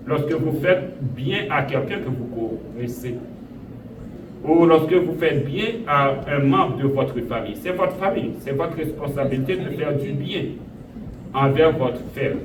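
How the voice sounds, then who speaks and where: A man from Haiti preaching a sermon as pastor, speaking slowly and repeating phrases for emphasis, with sudden emphatic rises. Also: on the high side. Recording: echoey room, voice from a distance, audible noise.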